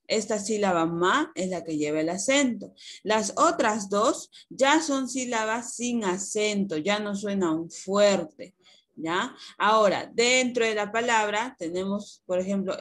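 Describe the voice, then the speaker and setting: A woman's voice: medium pitch, fairly bright tone. A woman primary school teacher giving an online lesson over a video call, explaining patiently and asking rhetorical questions.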